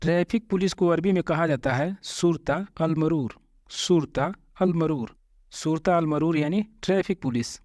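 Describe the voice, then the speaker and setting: A man teaching vocabulary, slowly repeating each word and patiently explaining common mistakes. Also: a little high, a little mellow, no echo, studio quality. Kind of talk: Hindi-language vocabulary lesson.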